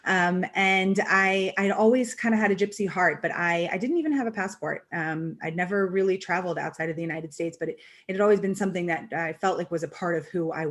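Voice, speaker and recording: Chatty woman with a lowish voice. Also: a little fast, hardly any pauses, fairly bright tone. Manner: casual and chatty. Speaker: safari travel advisor. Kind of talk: interview answers.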